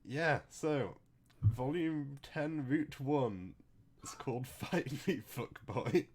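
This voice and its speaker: A man co-hosting a game let's play, talking in a halting way and chuckling often. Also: mid-range voice, animated, darkish tone. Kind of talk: casual chat.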